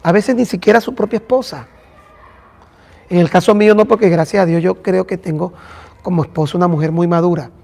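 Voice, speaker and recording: A man's voice: sits high, brisk, vocal fry, darkish tone, in a large hall. A man, a pastor teaching a church class and talking directly to listeners by name. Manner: addresses listeners by name, conversational.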